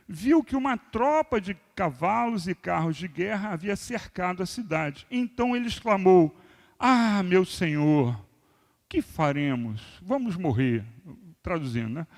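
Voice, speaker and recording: Animated older male pastor preaching. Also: high voice. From Brazil. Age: 60s. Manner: animated preaching, swings between loud emphasis and quiet asides. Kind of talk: sermon. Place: church hall. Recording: long reverb of a large church hall.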